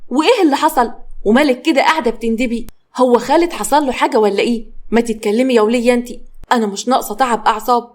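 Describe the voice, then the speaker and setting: Brief: woman as a tired Egyptian older mother, quick-spoken, storybook reading. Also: a little high, a little mellow, close to an everyday voice. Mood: defensive. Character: older mother-in-law, weary and put-upon.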